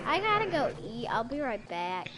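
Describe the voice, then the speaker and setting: A woman streaming an online shooter, chatting casually and shrieking with excitement during fights. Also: fairly high pitch, normal speed. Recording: noisy home stream audio.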